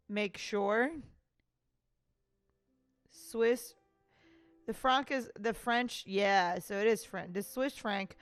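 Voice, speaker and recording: A woman's voice: medium pitch, clean tone. A woman hosting a casual let's play, chatting in a self-deprecating, apologetic way into a close microphone. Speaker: gaming video host. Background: faint game music.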